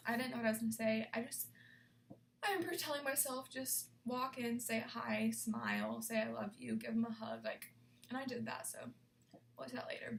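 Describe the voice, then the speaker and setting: A young woman telling an excited, dramatic storytime, often dropping into whispers. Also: a little high, slight background noise. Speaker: vlogger. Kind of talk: storytime vlog.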